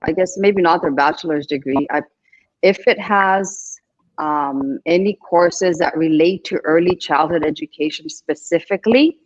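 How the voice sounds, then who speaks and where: A woman's voice: on the low side, a little slow, highs cut off. A middle-aged woman from Greece, a Montessori instructor, who answers webinar questions patiently and reassuringly over a video call. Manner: reassuring, explanatory, frequent restarts.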